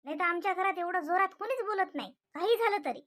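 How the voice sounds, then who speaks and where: In an animated comedy dub, a woman voices an anxious young cartoon wife with a high, bright voice and a quick pace. Worried, she keeps pleading and asking what went wrong, repeating names over and over to calm everyone down.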